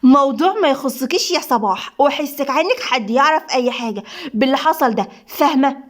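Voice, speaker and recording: Woman narrator as a spiteful Egyptian doctor villain, fast and harsh. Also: sits high, animated. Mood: menacing. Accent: Egyptian Arabic. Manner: harsh, threatening.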